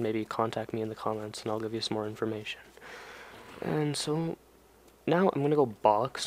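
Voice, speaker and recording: A teenage boy giving casual, rambling gameplay commentary at home at night, swearing freely as he chats into his mic. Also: mid-range voice. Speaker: gamer. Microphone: desk or headset mic. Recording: game gunfire noise loud underneath. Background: video game gunfire and ambience.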